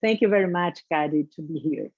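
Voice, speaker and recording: A woman with a Brazilian Portuguese accent, a Portuguese native speaker, formally welcoming and introducing a guest speaker, halting with many repeated words and restarts. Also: low voice, darkish tone, dry recording. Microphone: video call. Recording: dull lo-fi video call audio.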